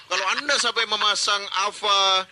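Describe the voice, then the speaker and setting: A man's voice: sits high, moderate pace, pushed and bright. A man co-hosting a comedy talk show who mockingly roasts callers with laughing sarcasm. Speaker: co-host. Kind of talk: comedic banter.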